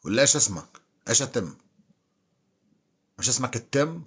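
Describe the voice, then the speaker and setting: A man's voice: mid-range voice, sing-song, brisk, a bit bright, slightly rough. A man hosting a casual live stream, bantering with and teasing his viewers. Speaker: livestream host.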